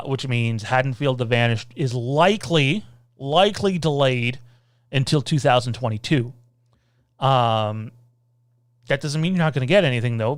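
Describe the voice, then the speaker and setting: Close to a desk mic in a dry, roomless recording, a male podcast host rambles through an informal livestream Q&A. Between reading viewer comments, he plugs his pauses with "uh," his voice smooth, clear and mid-pitched.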